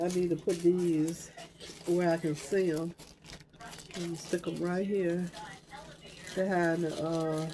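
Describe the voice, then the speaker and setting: An older woman with a stuffy nose rambles casually to her viewers in a crafting vlog, talking to herself as she sorts through her supplies. Her voice is lowish and dark, with slight background noise.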